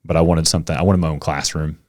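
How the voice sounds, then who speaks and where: A middle-aged man, a coach and teacher, chatting as a podcast guest and telling animated stories. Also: rumbling low, quick pace, dry recording, clean studio sound. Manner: animated storyteller, acts out kids' voices. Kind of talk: casual interview conversation.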